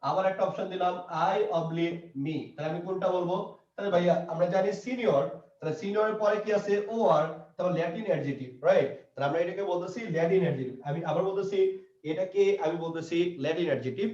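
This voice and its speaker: A man with a high voice teaches grammar at a quick clip. He keeps repeating points and asks questions he then answers himself. He is heard from a distance in an echoey room, on a dull, lo-fi recording. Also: a little mellow. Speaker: English teacher. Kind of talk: classroom grammar lesson.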